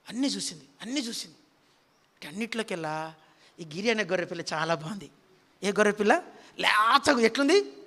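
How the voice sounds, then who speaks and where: A male pastor in full sermon, with a very high, sharp, forceful voice. He preaches dramatically, calls out to his listeners and acts out laments. A long reverb trails after his words in the prayer hall.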